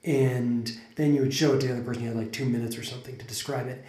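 A podcast co-host talks through ideas thoughtfully in casual conversation, restarting often and using lots of fillers. His medium-pitched voice is steady and darkish, and he speaks very fast. The recording has a roomy echo.

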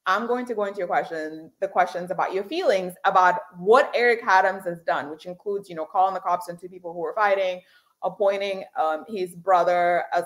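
A woman hosting a comedy podcast, chatting casually and joking with a guest. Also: mid-range voice. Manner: joking, tangents, frequent laughs. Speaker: podcast host.

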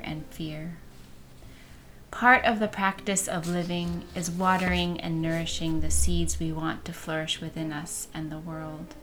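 Slow, soft-spoken woman guiding meditation. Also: lowish voice, a little hiss or hum. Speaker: meditation guide. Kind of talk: guided meditation.

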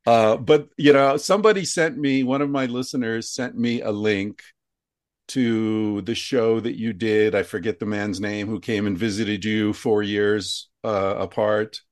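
Brief: male interview host, low voice, thoughtful and rambling, dry close mic. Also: steady tone, measured pace, no echo. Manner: thoughtful, rambling with many restarts. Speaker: podcast host. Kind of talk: conversational interview.

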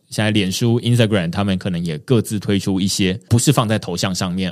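A man, hosting a podcast and explaining his points in a measured, conversational way. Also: deep voice. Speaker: podcast host. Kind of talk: casual podcast discussion.

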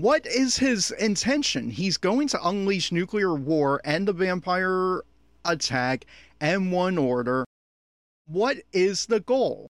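A man gives unscripted running commentary on an anime episode, sounding critical, exasperated, and opinionated. His voice sits high, captured in a dry, studio-quality recording.

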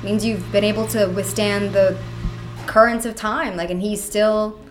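Twenties woman musician talking backstage, chatty and upbeat, quick little asides. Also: mid-range voice, steady tone, faint music behind. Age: 20s. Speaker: musician guest. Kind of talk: casual interview chat. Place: backstage at a theater.

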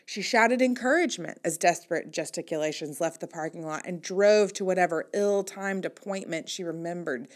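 A woman's voice: lowish voice, normal speed, few pauses. A woman reading her own humorous personal story aloud with a wry, mock-dramatic delivery. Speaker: newsletter writer reading her own piece.

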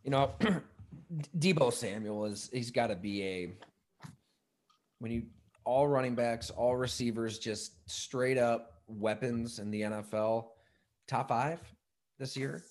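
Man giving relaxed, conversational sports commentary. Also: medium pitch, slow pace. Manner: conversational, thinking aloud with broken-off sentences. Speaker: football commentator on a sports talk show.

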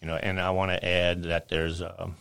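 Guy with a real low voice telling stories on a podcast, acts out what folks said. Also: moderate pace, vocal fry, smooth. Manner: animated storyteller, acts out customers' lines. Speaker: guest, spice rub maker. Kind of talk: casual storytelling chat.

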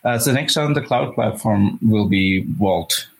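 A man speaking as a company executive, answering interview questions in a measured way with fillers. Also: fairly low pitch, gravelly, breathy edge, low-quality recording.

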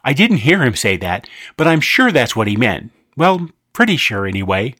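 A man's voice: medium pitch, sing-song, normal speed, sharp tone, no room sound, clean studio sound. A man voicing a worried, insistent young girl in a storybook reading. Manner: anxious, insistent. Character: worried, bossy girl, a kid.

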